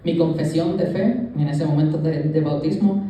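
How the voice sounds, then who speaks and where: In an echoey church sanctuary, a young Puerto Rican youth leader tells the congregation his personal testimony, earnestly speaking straight to them. The voice is on the high side, dark and steady at normal speed, captured from a distance with slight background noise.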